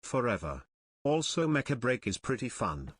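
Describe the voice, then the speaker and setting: A male text-to-speech voice reading out chat messages in a flat, even way. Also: mid-range voice, moderate pace.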